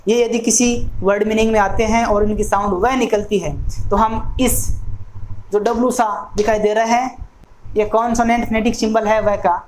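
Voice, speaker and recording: A man teaching an exam-prep lesson who speaks slowly and deliberately, spelling out words sound by sound and repeating them for drill. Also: high voice, flat delivery, slight background noise, poor audio. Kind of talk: recorded classroom lesson.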